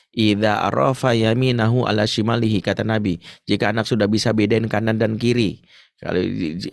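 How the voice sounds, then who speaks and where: A man speaking as an ustadz in an Islamic parenting talk, answering a question in a lively, joking way. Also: lowish voice, no echo, clean studio sound. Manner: lively, joking, acts out stories.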